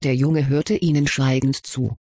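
Breathy narrator reading a story. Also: mid-range voice, steady tone, a little slow, dark tone, dry recording, studio quality. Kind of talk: audiobook narration of fan fiction.

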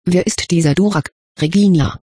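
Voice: mid-range voice, moderate pace, warm tone, breathy edge, no room sound, studio quality, natural voice. A reader voicing a mocking, arrogant older teenage boy from a foreign school, in a storybook reading. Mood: scornful. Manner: mocking, condescending.

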